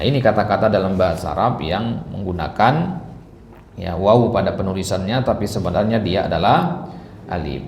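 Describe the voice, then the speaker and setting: Gravelly low-voiced man teaching Quran reading. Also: a little mellow, a little hiss or hum. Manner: patient, repeats words and quizzes the audience. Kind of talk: mosque study class. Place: mosque hall. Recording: echoey mosque hall.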